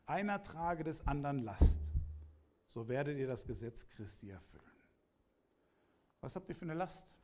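Pastor preaching plainly to listeners. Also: male voice, fairly high pitch, very animated, moderate pace, long pauses, darkish tone. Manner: plain, conversational preaching, addressing listeners directly. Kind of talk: sermon.

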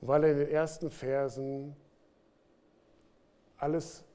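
A man preaching a sermon to his congregation, speaking with lively swings between loud bursts and quiet asides. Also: on the high side, takes it slowly. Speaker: pastor. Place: church.

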